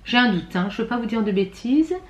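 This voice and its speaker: A woman chats through an unboxing, stopping and restarting with lots of fillers. Her voice is somewhat high and a bit rattly, and it rings in an echoey room. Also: lively intonation, brisk, lo-fi sound. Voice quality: self-described rattly voice. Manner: chatty, hesitant, many fillers and restarts. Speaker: beauty vlogger. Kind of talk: casual unboxing chat.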